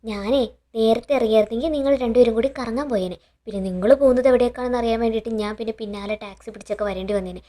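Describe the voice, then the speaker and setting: A woman's voice: a little high, racing, dark tone, close to an everyday voice. A woman voicing a suspicious, jealous young wife in a serial retelling.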